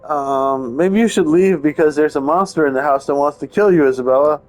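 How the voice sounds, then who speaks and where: Over the game's background music, a man streams a visual novel, reading its narration aloud and tossing in wry, sarcastic asides during casual let's-play commentary. His pitch is fairly high and he talks a little fast.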